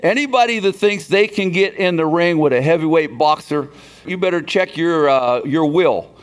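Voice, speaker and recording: Speaking at a normal speed in a slightly high voice, this Beaver Falls, Pennsylvania man in his sixties serves as a banquet emcee. His storytelling speech has a folksy feel, each tale working its way up to a punchline.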